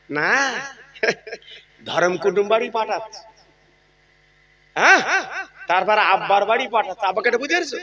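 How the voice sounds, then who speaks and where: A man preaching a comic Islamic sermon to a crowd, joking, shouting and turning emotional. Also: very high voice. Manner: humorous, shouting, emotional swings, addresses crowd.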